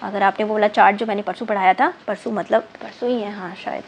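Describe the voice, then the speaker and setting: A woman's voice: mid-range voice, fairly even intonation, fast talker, muffled recording. A woman teaching an online chemistry class, counting aloud, spelling out words letter by letter and repeating terms, often mixing in English words and checking in with her students. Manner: mixes in English terms and checks in with "thik hai na". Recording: faint background noise.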